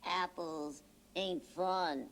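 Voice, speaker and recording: A woman's voice: on the low side, steady tone, very slow, fairly bright tone, slight background noise, pitched below the performer's own voice, exaggerated voice. Charlie Horse, a woman doing a sassy horse puppet. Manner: brash, slangy, sassy. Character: cheeky wisecracking young male horse puppet. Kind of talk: children's TV puppet comedy.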